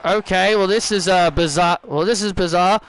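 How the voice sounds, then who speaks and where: A man's voice: high-pitched, moderate pace, clean tone, rough recording. A man giving casual, rambling play-by-play commentary on a wrestling video game, with stammered asides.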